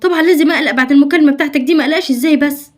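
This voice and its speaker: Woman as a fretful Egyptian mom, high-pitched and very fast, hushed and soothing, family skit. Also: lightly acted. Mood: anxious phone. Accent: Egyptian Arabic. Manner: anxious, hushed, reassuring. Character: worried devoted young mother of two. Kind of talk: home-made family sketch acting.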